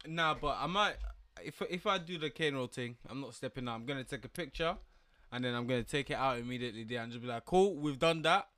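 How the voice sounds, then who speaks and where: A man's voice: medium pitch, quick pace, pushed and bright, dry recording. A young man with a London roadman accent, chatting casually in slangy, informal speech with some swearing. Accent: London, urban roadman slang. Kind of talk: casual chat.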